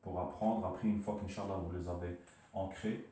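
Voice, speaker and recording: Man, low mellow voice, patient teacher, repeats syllables, echoey room, distant mic. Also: fairly even intonation, moderate pace, slight background noise. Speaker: Arabic teacher. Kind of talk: slow spoken lesson at a board.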